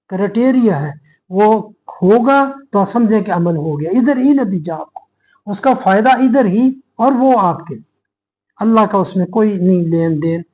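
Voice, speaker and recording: A man with a Pakistani Urdu accent gives a sermon-style lecture in a fairly high voice. He speaks earnestly, addressing his listeners as brothers and reasoning aloud, restarting sentences as he explains. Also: a little mellow, rough recording. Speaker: religious speaker.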